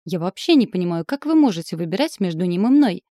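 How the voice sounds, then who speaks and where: Arrogant young suitor, fiery and boastful, read by a woman in a low, mellow voice; dry close sound. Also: big pitch swings, fast talker, dry recording. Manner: boastful, hoarse, forceful declarations. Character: passionate, arrogant young male suitor, turning menacing. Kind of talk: audiobook character reading.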